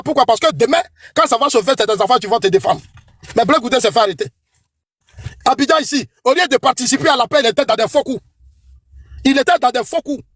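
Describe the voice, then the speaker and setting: A middle-aged man with an Ivorian French accent hammers out a combative political rant, accusing and repeating himself for emphasis. His voice sits very high for a man and sounds husky. The sound is dry and close. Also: fairly bright tone, no room sound. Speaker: political commentator. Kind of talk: heated political tirade.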